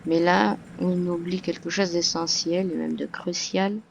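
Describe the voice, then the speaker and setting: Woman, low-ish voice, unhurried delivery, halting game-tutorial narration on a muffled home mic. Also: steady tone, creaky, slight background noise. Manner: hesitant, many fillers and restarts. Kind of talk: casual tutorial voice-over. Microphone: computer microphone.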